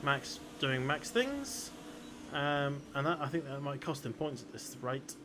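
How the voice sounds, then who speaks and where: A man's voice: a little high, big pitch swings, measured pace, background noise. A man working as a motorsport commentator, giving conversational analysis of the race. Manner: motorsport commentator explaining incidents and strategy.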